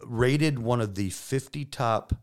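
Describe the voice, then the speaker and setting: Taking it slowly, an injured police detective shares stories as a podcast guest in a studio, his voice deep and loud. He jokes and swears casually and keeps slipping into acted-out dialogue.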